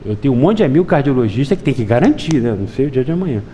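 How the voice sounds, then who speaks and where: A man's voice: very fast, slight background noise. A middle-aged man giving a Spiritist public lecture, telling folksy stories and often asking the audience to agree. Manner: lively storytelling with wide pitch swings.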